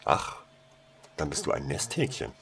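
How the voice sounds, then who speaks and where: A man's voice: very deep voice, big pitch swings, a little slow, creaky, a bit bright, heavily acted. Tarsoin, a man doing a shy ironic schoolboy. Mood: wry. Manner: hesitant, ironic. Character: shy, guarded teenage schoolboy, dryly ironic.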